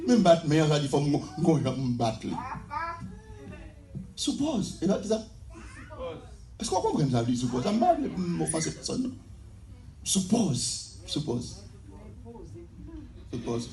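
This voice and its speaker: A Haitian man preaching a fervent sermon as pastor, often shouting and repeating his phrases. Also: on the high side, wildly swooping pitch, measured pace, gravelly, long pauses. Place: church. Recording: echoey church hall.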